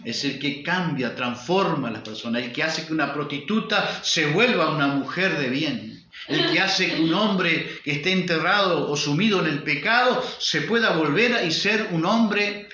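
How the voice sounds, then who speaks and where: A man's voice: on the high side, moderate pace, few pauses, pushed and bright. A male pastor with a Uruguayan Spanish accent, preaching emphatically with repetition and rhetorical questions. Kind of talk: sermon. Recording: roomy, dull lo-fi sound.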